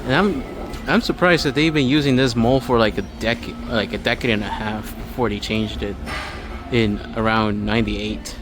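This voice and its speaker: Wandering through a large home improvement store, a male vlogger thinks out loud in a loose, observational ramble. His mid-range voice moves at a normal speed with fairly even intonation, while music drifts down from the store's overhead speakers.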